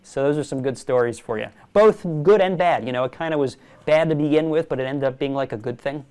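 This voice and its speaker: A young man, a magician guest in a casual interview, telling animated stories and laughing often. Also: mid-range voice, fast, clear, resonant tone. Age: young adult.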